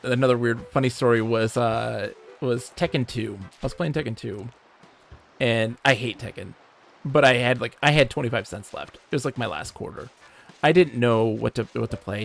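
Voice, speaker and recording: Animated male streamer telling stories. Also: medium pitch, vocal fry. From Michigan, USA. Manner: animated, swears freely, reads chat aloud. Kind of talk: casual storytelling while livestreaming a game.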